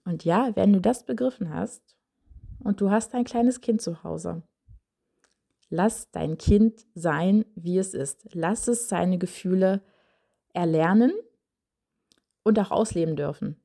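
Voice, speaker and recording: A woman gives parenting advice in a relaxed monologue, speaking directly to the listener. Her voice is low for a woman and mellow, and she talks in a direct, conversational way with frequent fillers. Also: slow pace, gravelly, pauses often.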